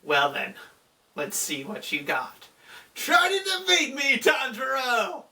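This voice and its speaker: Give me a man playing a gloating demon lord, taunting and cackling, bright and set back from the mic. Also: animated, takes it slowly, gravelly, heavily acted. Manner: taunting, cackling, strained and higher. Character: menacing male demon lord, cruel and gloating. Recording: voice distant from the mic.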